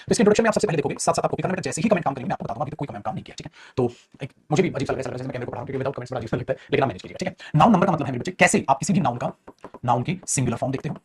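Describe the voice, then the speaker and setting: A man teaching English grammar in a live online class, repeating points quickly and calling his students "beta". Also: fairly high pitch, a little mellow, a little hiss or hum. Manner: fast, repetitive, calls students beta.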